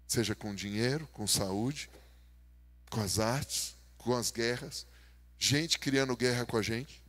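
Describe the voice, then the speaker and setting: A man with a Brazilian Portuguese accent preaching a humorous sermon, telling stories and acting out dialogue, swinging between loud bursts and quiet asides. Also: medium pitch. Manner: animated, jokey, acts out dialogue, swings from loud to soft.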